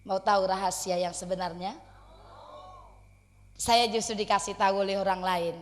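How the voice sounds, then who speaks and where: A woman preacher from Surabaya, East Java, with an East Javanese accent gives an expressive religious lecture to a female audience. She tells stories, slips into Javanese and exclaims often. Her voice is medium-pitched at a moderate pace, with a big-room sound.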